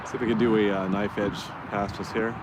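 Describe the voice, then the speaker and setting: A man's voice: fairly low pitch, little pitch movement, brisk. A man giving casual, hesitant live commentary as he flies a model plane outdoors. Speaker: radio-control plane vlogger. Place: outdoors by a road in wind. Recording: noisy windy outdoor recording with vehicle sound. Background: wind and outdoor motor noise.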